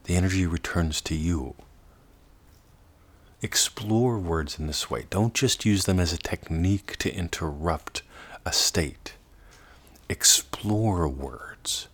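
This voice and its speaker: A man giving a meditative self-development lesson, drawing words out slowly and often half-whispering them. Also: low-pitched, husky. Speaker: teacher.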